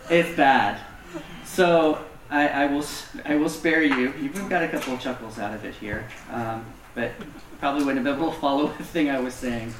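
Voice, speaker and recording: A man's voice: medium pitch, huge pitch swings, unhurried, noisy background. A man preaching a casual, self-deprecating sermon as pastor, with many fillers. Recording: echoey room, distant mic.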